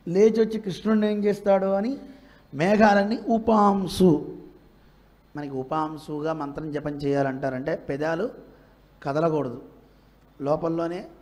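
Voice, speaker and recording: A man giving a devotional discourse, chanting verses slowly and asking the audience rhetorical questions with emphasis. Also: sits high, a little mellow. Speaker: religious teacher.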